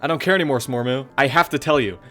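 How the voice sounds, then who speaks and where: Brief: man playing an obsessive bookish girl, quiet and intense, mid pitch, faint music under. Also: fast, natural voice. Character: shy bookish teen girl turning obsessive. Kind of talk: reading game dialogue aloud.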